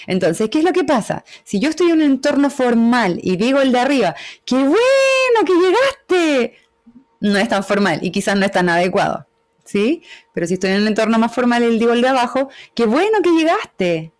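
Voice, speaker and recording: A woman's voice: a little high, fast talker, darkish tone. A woman gives an online lecture on communication over a video call. She explains patiently and often checks in with short tag questions. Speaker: webinar speaker.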